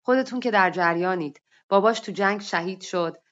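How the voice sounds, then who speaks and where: Anxious widowed mother in her thirties, confiding and hesitant, as a woman reader puts her on; medium pitch, dull online audio. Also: a bit bright, close to an everyday voice. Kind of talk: story reading.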